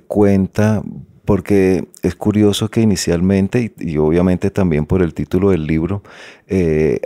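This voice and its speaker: A man with a faded Colombian Caribbean coastal accent, a guest author talking things over thoughtfully, pausing often on "eh". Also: sits low, mellow, dry recording, studio quality. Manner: thoughtful, hesitant, many "eh" fillers. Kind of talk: reflective interview conversation.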